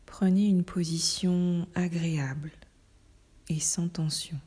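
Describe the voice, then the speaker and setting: A woman whispering a guided relaxation in a soft, breathy, soothing voice, with slow delivery and long pauses. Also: lowish voice, fairly even intonation.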